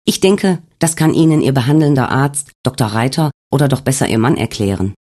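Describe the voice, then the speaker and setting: A man voicing a calm, reassuring female hospital nurse in an audiobook. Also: very deep voice, brisk.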